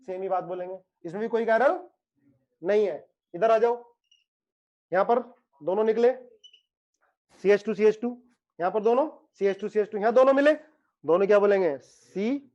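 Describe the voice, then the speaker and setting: High-pitched teasing male chemistry teacher. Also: a little mellow, dull audio. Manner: joking, teasing students by name; explains with playful analogies. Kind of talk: online lecture.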